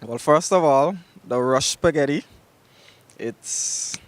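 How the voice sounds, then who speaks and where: A man judging a cooking competition with halting, dryly understated remarks. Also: fairly high pitch. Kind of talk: spoken critique.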